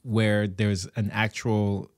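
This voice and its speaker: Male interview host from Cameroon, low voice, dry sound, reflective and halting delivery. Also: level tone, no room sound. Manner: thoughtful, halting, laughs often. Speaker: podcast host. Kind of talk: casual conversational interview.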